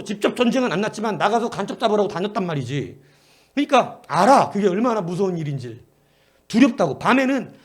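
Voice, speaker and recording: A middle-aged male pastor preaching a prayer-meeting sermon, telling stories in an animated way and swinging between emphatic bursts and low asides.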